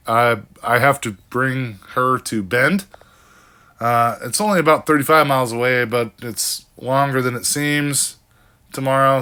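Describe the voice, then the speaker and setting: A man's voice: medium pitch, bright, forceful tone. An older man giving a casual, rambling recap vlog as a delivery driver, frank and full of fillers. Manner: rambling, frank, with frequent fillers and mild cursing.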